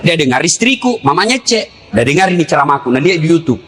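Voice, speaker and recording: A man preaching a humorous sermon, teasing his listeners and breaking into shouts. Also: on the high side, big pitch swings, quick pace. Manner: jokey, teasing, bursts into shouting.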